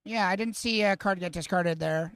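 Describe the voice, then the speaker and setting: A man with a high voice co-commentates a card game and laughs easily between remarks. He sounds easygoing and chatty. The sound is dry and close to the mic. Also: a bit bright, smooth, no room sound. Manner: giggly, quick to laugh, easygoing.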